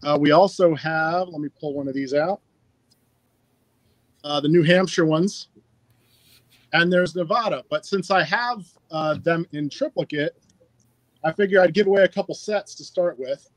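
A man's voice: on the high side, moderate pace, long pauses, dry recording, low-quality recording. A man hosting a live stream giveaway in a casual, chatty and upbeat way, talking into a phone. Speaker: livestream giveaway host.

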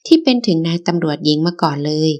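A woman reads a novel aloud as an audiobook narrator. Her voice sits a little low and stays calm and even. She reads steadily through the scene. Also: fast talker, lo-fi sound.

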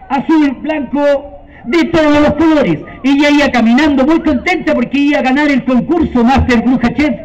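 Man, Chilean accent, live storyteller, playful and animated, very high voice, muffled lo-fi recording. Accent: Chilean Spanish. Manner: playful, animated, quizzes listeners.

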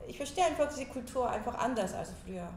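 A Korean-accented woman in her forties speaks haltingly, pausing often to find her words. Her voice has a gravelly edge and sits at an ordinary pitch. It is caught by a distant camera mic in an echoey living room with faint hiss. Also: lively intonation, a little mellow. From South Korea. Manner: halting, searching for words with many fillers. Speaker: pianist guest. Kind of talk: casual interview talk. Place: living room with a piano and plants.

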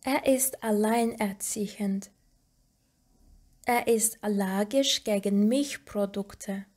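A woman reading short example sentences one by one for a language lesson, slowly and deliberately with pauses. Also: mid-range voice, darkish tone. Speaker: language teacher.

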